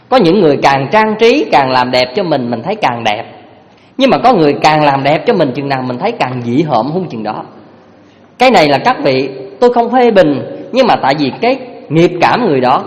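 Brief: animated teacher, a man with a fairly high voice, in a long-reverb hall. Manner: lively, animated storytelling, addresses listeners directly. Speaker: Buddhist Dharma teacher. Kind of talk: storytelling sermon.

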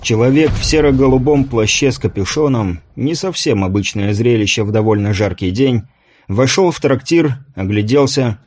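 A man narrating an audiobook in a steady storytelling manner. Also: mid-range voice, normal speed. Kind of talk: scripted narration.

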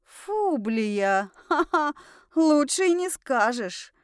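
A woman's voice: sits high, big pitch swings, slow pace, no room sound, clean studio sound, voice pushed up, full character voice. A woman reading an audiobook voices a cocky young man who drawls his lines with irony. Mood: amused. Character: young handsome man, smug and teasing.

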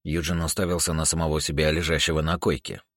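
A man narrating an audiobook chapter in an animated storytelling manner. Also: rumbling low, quick pace, no echo, clean studio sound. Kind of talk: scripted narration.

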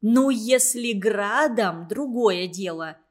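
A woman reading a children's story aloud, voicing a bossy, indignant schoolgirl who shouts her protests. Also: medium pitch, animated, slow pace. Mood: defensive.

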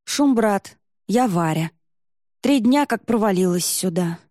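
A woman's voice: medium pitch, lively intonation, unhurried, a little mellow, no echo, studio quality, natural voice. A woman voicing a polite, earnest young woman who is lost and wants to get home.

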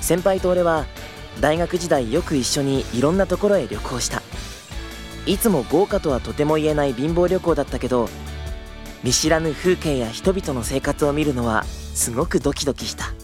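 Over music, a young man in his twenties speaks at normal speed in a natural, slightly high voice with lively intonation. He's the narrator and lead of an audio drama, an earnest new tour guide trainee who replies politely, a little flustered.

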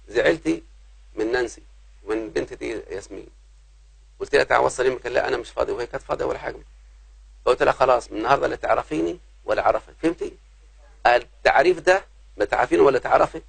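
Egyptian male grammar teacher, gravelly husky voice, always quizzing his class, dry sound. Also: medium pitch, dry recording. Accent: Egyptian Arabic. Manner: keeps checking if students understand.

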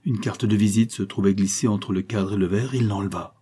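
A man narrating an audiobook novel in a steady, even storytelling manner. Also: on the low side, a little fast, husky. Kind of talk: scripted narration.

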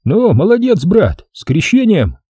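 A man voicing a cocky male riot-police fighter who talks in a gruff, mocking, swearing way. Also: high voice, wildly swooping pitch, a little slow, dark tone, dry recording, studio quality, pitched above the performer's own voice, heavily acted. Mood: approving.

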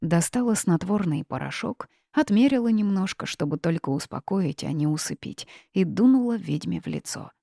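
A woman narrating a fantasy audiobook in the first person, telling it calmly and steadily. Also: fairly low pitch, moderate pace, gravelly, hardly any pauses, no echo, clean studio sound. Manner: calm even storytelling, first person.

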